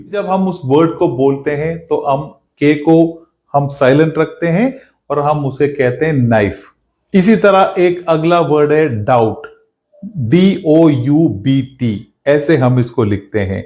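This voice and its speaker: A man teaching English spelling in a calm, explanatory lesson, slowing down to spell words out letter by letter. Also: a little high. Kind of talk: spoken lesson.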